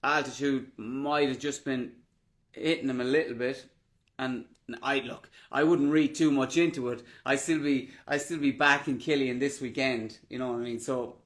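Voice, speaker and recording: A man's voice: medium pitch, steady tone, moderate pace, fairly bright tone. Chatty teasing man co-hosting a podcast. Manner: chatty, teasing, loose slang. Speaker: podcast co-host. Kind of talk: casual banter.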